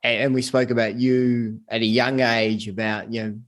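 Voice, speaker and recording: A man's voice: mid-range voice, little pitch movement, normal speed. A man hosting a podcast interview, talking casually with many restarts and asides. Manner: rambling, many restarts and "you know". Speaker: podcast host.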